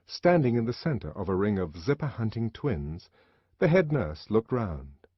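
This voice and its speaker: Husky, expressive male audiobook narrator. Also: lowish voice, moderate pace, no echo. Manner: dramatic, expressive reading. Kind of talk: scripted literary narration. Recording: dull lo-fi audiobook recording.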